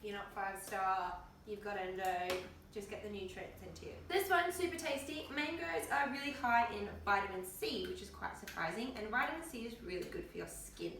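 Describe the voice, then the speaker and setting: An Australian health vlogger chats offhandedly in her home kitchen with the windows open, sounding tired and in pain. Her medium-pitched, fairly bright voice moves at a moderate pace with hardly any pauses, in colloquial speech. The distant mic picks up a very echoey room and faint noise.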